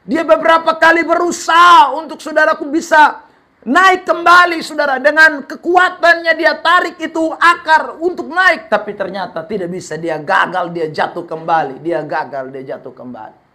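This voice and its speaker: A male pastor preaching an emphatic sermon, telling a story with shouted exhortations. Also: very high-pitched, normal speed.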